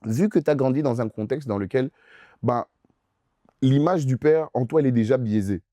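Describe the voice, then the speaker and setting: A man's voice: medium pitch, normal speed, dark tone, dry recording, studio quality. A young man preaching as pastor in a youth question-and-answer session, emphatic and insistent, repeating phrases straight at the listener.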